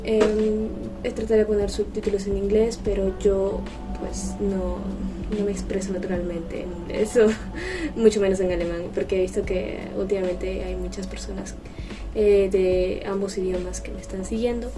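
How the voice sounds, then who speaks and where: Speaking at a moderate pace with a steady, medium-pitched voice, a vlogger and host who is a native Spanish speaker explains things conversationally to camera. The recording comes from a distant mic with music in the background.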